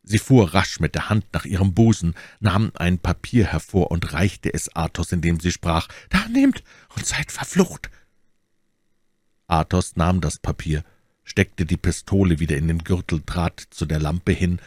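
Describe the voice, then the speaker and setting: Low, husky male audiobook narrator. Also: dry recording, clean studio sound. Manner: measured, expressive reading. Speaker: audiobook reader. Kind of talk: reading a classic novel aloud.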